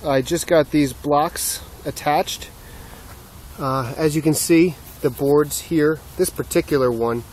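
A man's voice: medium pitch, darkish tone, a little hiss or hum. Man narrating his outdoor build. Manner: explains step by step, self-deprecating. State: slightly out of breath. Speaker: DIY builder. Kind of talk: casual how-to narration.

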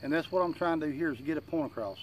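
A man with a rather high voice speaks in a drawl, a little muffled by chewing tobacco in his lip. He gives folksy, plain-spoken advice as a channel host. Faint outdoor nature noise sits behind him. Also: very fast. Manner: plain-spoken, self-deprecating country talk. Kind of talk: casual, folksy advice talk to camera. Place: outdoors in a wooded yard. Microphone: camera a few feet away.

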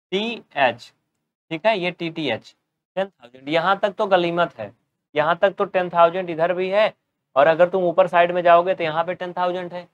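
A man's voice: a little high, lo-fi sound. A man giving a step-by-step maths lesson at a board, asking his students questions and answering them himself. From North India. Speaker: teacher.

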